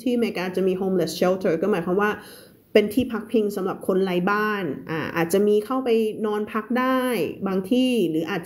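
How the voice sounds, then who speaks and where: A woman English teacher giving a live reading lesson, explaining words one by one and repeating them to drill stress and sounds. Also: medium pitch.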